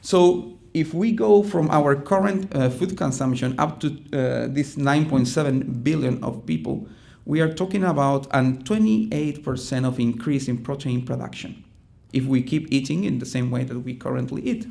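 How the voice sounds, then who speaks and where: A middle-aged Chilean man's conference talk comes out halting, with plenty of ums and restarts, in a Chilean Spanish accent. He has a gravelly, warm, mid-range voice. He's in a conference room.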